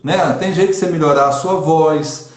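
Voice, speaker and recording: A man's voice: a little high, normal speed. Man with emphatic earnest delivery, echoey room. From Brazil. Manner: earnest, emphatic, repeats for stress. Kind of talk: casual online chat on preaching.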